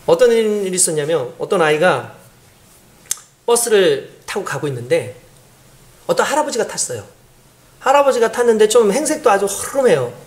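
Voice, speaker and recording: A man's voice: high-pitched, normal speed, long pauses. A pastor preaching a sermon in a conversational way, asking the congregation questions and acting out the voices of people in his stories. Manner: animated, acts out quoted voices.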